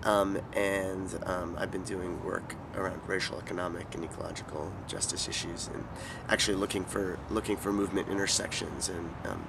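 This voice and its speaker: A man in his forties from California, answering interview questions in a thoughtful, halting way with many ums and restarts. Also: low voice, flat delivery, creaky, very noisy. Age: 40s. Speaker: interviewee, activist.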